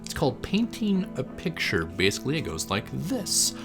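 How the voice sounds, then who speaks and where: A man's voice: mid-range voice, huge pitch swings, normal speed, over music. A man hosting an instructional explainer with wry, self-deprecating humour and frequent hesitant uhs. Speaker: host of a theatre tips channel. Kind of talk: instructional explainer, part scripted.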